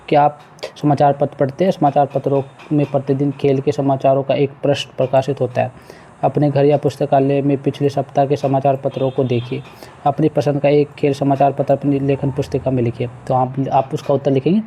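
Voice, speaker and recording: A man's voice: medium pitch, little pitch movement, a little fast, warm tone, a little hiss or hum. A man teaching a school lesson, patiently walking pupils through a textbook exercise and repeating words as he goes. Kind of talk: explaining a textbook exercise to students.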